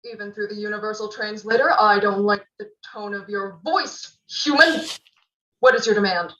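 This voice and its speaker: A woman's voice: medium pitch, moderate pace, sharp tone, highs cut off. A woman voicing a boastful alien conqueror who speaks through a robotic translator voice, theatrical and menacing. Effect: robotic universal-translator voice. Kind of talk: comedic audio drama acting.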